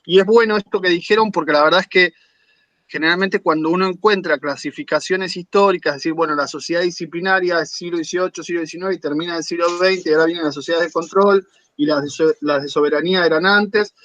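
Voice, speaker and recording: A man's voice: on the high side, steady tone, a bit bright, dull audio. Man moderating an academic panel. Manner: measured, explanatory, asks questions. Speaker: panel coordinator. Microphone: video call.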